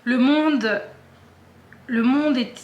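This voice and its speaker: A woman's voice: sits high, drawn-out words, echoey room, muffled recording. A woman vlogger chatting casually and hesitantly, with many fillers and restarts. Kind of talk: casual chat.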